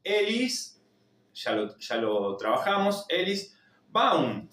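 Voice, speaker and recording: A man with an Argentine accent teaching a language lesson, repeating each word slowly to drill its pronunciation. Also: sits high, big pitch swings, a bit bright, roomy sound, recorded from a distance. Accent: Argentine Spanish. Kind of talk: slow spoken lesson.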